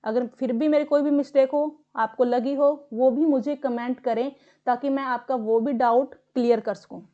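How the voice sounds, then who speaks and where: A woman's voice: sits high, steady tone, normal speed, mellow, dull audio. A woman tutor explaining how to do well in a speaking test, in a coaching, instructional tone.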